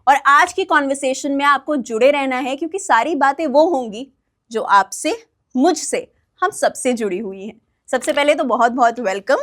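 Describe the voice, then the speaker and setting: A woman's voice: high voice, normal speed, fairly bright tone. A woman hosting a podcast interview, introducing the show and asking probing questions. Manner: friendly introductions, probing questions, frequent short acknowledgments. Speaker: podcast host.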